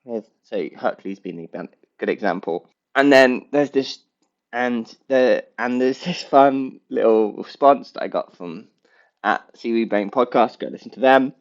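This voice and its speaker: A man with a mid-range voice hosts his own casual podcast solo, talking at a normal speed. He rambles in a goofy, playful way, keeps correcting himself, and sounds blocked up and sniffly. The recording is muffled.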